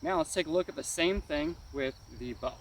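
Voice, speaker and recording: With a brisk, fairly high voice, a man teaches karate weapons in a relaxed, hands-on session, frequently asking if students follow and calling out sound words as he demonstrates moves. The mic is distant, and the outdoor setting is noisy with insects.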